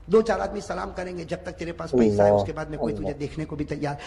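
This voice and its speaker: A male preacher telling stories in a sermon, swinging dramatically between hushed asides and fervent shouts and asking the audience to repeat after him. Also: a little high, vocal fry, a little hiss or hum. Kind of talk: sermon storytelling. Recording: reverberant hall.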